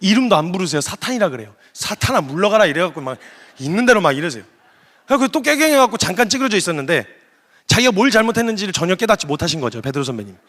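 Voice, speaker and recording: A man preaching in church, telling his story in a comic, lively way and putting on quick voices for the people in it. His voice sits high for a man. He talks at a brisk, rapid clip. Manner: comic retelling, acting out quoted voices. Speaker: missionary preacher. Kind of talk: humorous storytelling sermon.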